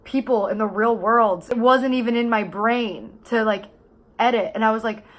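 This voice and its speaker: A woman's voice: on the high side, normal speed. A woman of twenty-seven talking candidly and casually to camera as a vlogger, in a confessional, rambling way with plenty of swearing.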